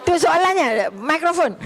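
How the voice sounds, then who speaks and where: High-voiced Malaysian man preaching. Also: creaky, a little hiss or hum. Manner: animated preaching, laughs often, rhetorical questions. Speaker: religious parenting speaker. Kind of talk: religious talk with audience Q&A.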